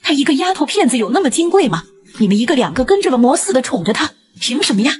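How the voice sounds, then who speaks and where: A woman's voice: big pitch swings, fast, faint music behind. A woman voicing a mean, scolding grandmother in her sixties who favors her grandson. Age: 60s. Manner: shrill and scolding.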